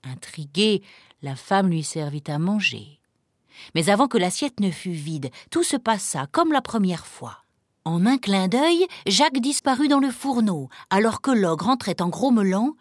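Expressive woman reading a fairy tale. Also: medium pitch, a little slow, dry recording, clean studio sound. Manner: expressive, lively storytelling. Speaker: storyteller.

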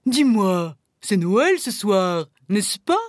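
A woman's voice: mid-range voice, very animated, takes it slowly, no room sound, clean studio sound. A woman voicing a big, cheerful male bear in a storybook, with a hearty manner.

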